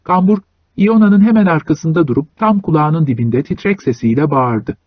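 A man reading a short story aloud as an audiobook narrator, in a measured storytelling manner. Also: a little high, slightly rough, no room sound, dull audio. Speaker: audiobook reader.

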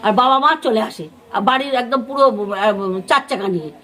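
A woman's voice: a little high, normal speed, bright, forceful tone. A woman from West Bengal with a West Bengali accent, a neighbour giving a rambling eyewitness account to a news crew, full of fillers and acted-out quotes. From West Bengal, India. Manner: rambling retelling with many fillers and restarts; acts out others' words in quoted speech. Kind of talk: on-the-spot news interview.

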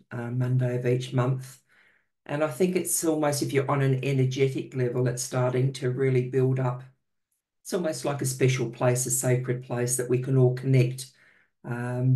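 A woman meditation teacher guides a healing circle in a soft, unhurried way. Her voice is mellow and warm, and she lets each phrase settle with a gentle, soothing calm. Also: extremely low pitch. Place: online session.

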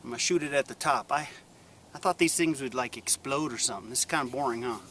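This channel host, a man in his forties, chats easygoingly and plainly to a nearby camera, starting in a yard outside before moving into a workshop. He talks fast in a mid-range, slightly bright voice, over a little background noise.

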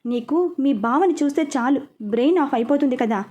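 A woman's voice: high-pitched, animated, fairly quick, warm tone, dull audio. A woman voicing an easygoing young woman who talks casually and sighs, in a storybook reading. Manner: casual, sighing.

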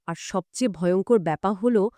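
A woman with a medium-pitched, mellow voice co-hosts a conversational story discussion, speaking briskly with no echo. She retells events dramatically and asks inquisitive questions, and the storytelling sounds scripted.

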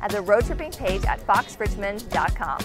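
A woman's voice: mid-range voice, expressive, normal speed, music in the background. A woman hosts a television travel segment outdoors, asking eager questions of a guest on a waterfront plaza. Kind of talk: television interview.

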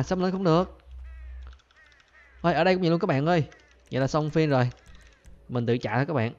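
A man hosting a gaming channel, giving excited gameplay commentary and talking straight to his viewers. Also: on the high side, lo-fi sound. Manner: animated, keeps addressing viewers as "các bạn ơi".

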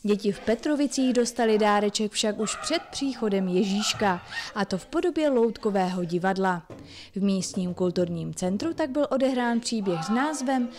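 A woman's voice: mid-range voice, animated, a crowd in the background. A woman reporter reading scripted narration for a regional television news report.

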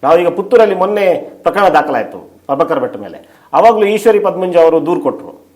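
Journalist guy arguing his point, fires rhetorical questions, highish voice that jumps around a lot. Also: fairly quick. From India. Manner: emphatic, rhetorical questions, animated. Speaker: interview guest, journalist and writer. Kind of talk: detailed argumentative interview answers.

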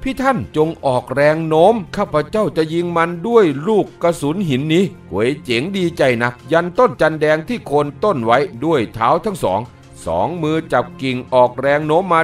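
A man reads a martial arts novel aloud in a steady storytelling cadence. His fairly high voice moves with lively rises and falls. The mic sits at a distance, with soft music underneath. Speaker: audiobook narrator.

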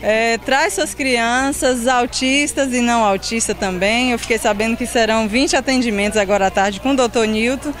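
A woman's voice: fairly high pitch, fairly even intonation. A woman in her thirties thanking people in a street interview, speaking with some hesitations, into a handheld mic outdoors. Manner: grateful, halting speech. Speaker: local resident interviewed. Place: outdoors at a health fair. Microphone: handheld reporter mic.

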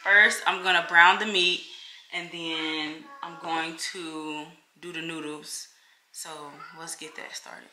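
A woman's voice: fairly low pitch, little pitch movement, slow, background noise. A young woman chatting casually to her viewers while cooking in a home kitchen, calling them y'all again and again. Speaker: vlogger.

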